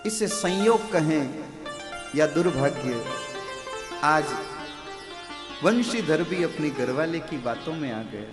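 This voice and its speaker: A male preacher narrating a devotional story in a lively sermon, with asides to the audience. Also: fairly high pitch, takes it slowly, pauses often. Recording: reverberant hall with music behind.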